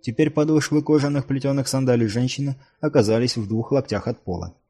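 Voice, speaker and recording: A man's voice: medium pitch, fairly quick, dark tone. Man reading a fantasy audiobook. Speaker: audiobook reader. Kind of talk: scripted fantasy narration.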